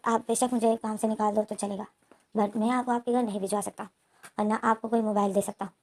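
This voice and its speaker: A woman's voice: mid-range voice, little pitch movement, a little fast, a little mellow, natural voice. Woman doing a patient, coaxing male assistant. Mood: firm. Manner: coaxing, polite, turning insistent. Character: devoted male assistant, patient but firm.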